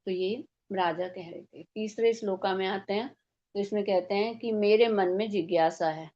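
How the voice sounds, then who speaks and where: A woman's voice: medium pitch, normal speed, warm tone. Woman, scripture teacher, devotional class, step-by-step explanation, rhetorical questions, muffled lo-fi sound.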